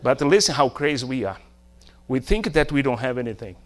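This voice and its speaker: A middle-aged Brazilian man, a native Portuguese speaker with a Brazilian accent, delivers a sermon emphatically in short phrases and rhetorical questions. His medium-pitched voice is expressive and a little fast.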